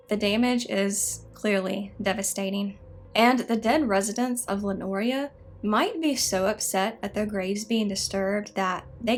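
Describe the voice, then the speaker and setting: A woman narrating scripted spooky history stories in a measured, explanatory way. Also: medium pitch. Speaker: narrator of a haunted history show.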